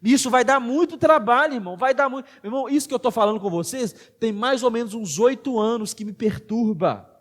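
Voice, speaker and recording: Emphatic Brazilian pastor preaching. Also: male voice, very high voice, a little fast, few pauses. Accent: Brazilian Portuguese. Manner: emphatic preaching, swings between hushed and loud. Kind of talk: sermon. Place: church.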